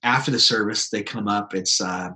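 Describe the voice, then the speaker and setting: A man, a pastor, telling a personal story in an interview, animated and acting out quoted voices. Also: on the low side, normal speed. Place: lives in South Dakota.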